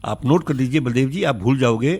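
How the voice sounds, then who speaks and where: A man's voice: mid-range voice, a little fast, darkish tone, slightly rough. A North Indian man with a mid-range voice gives phone-in advice. He is courteous and instructive, laying out steps and repeating what matters. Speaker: agriculture expert.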